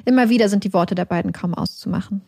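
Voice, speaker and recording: A woman reading scripted true-crime narration in a measured, somber manner, close to a studio microphone. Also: mid-range voice, creaky, a little mellow, a little hiss or hum. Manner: measured, somber, reads out quoted dialogue. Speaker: podcast narrator.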